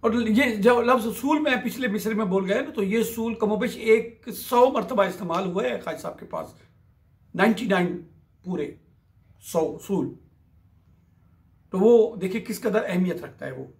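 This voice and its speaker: A man's voice: high-pitched, measured pace. A man explaining a classical Sufi poem line by line, reciting each verse and then glossing its words. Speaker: poetry commentator.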